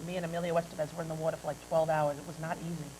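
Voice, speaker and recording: A woman's voice: low voice, flat delivery, rapid-fire, darkish tone, a little hiss or hum, poor audio. A woman in her thirties hosting a talk show, brash and joking as she asks her guest questions. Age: 30s.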